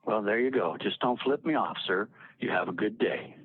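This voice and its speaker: A man's voice: on the low side, lively intonation, moderate pace, slightly rough, dry recording. A man calling in on an old flip phone to make an earnest, urging public comment at a civic meeting. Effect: old flip phone call. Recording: tinny, dry flip phone line.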